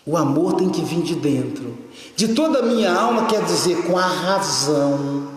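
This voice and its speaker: A man, giving a live lecture-sermon, telling stories and asking the audience questions. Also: high voice. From Minas Gerais, Brazil. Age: 50s. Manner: storytelling, animated, asks the audience questions. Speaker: spiritist lecturer. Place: lecture hall. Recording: echoey hall, long reverb.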